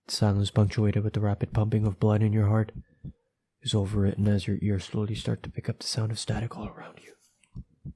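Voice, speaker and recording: A man reading a second-person horror story aloud, quickly and with stumbles and nervous asides to his viewers. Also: fairly low pitch, monotone, dark tone.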